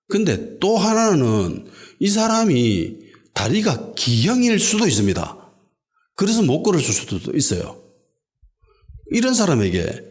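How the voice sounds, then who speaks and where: Animated Korean pastor preaching. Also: male voice, medium pitch. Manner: rhetorical questions, dramatic shifts between loud and soft. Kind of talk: sermon. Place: church sanctuary.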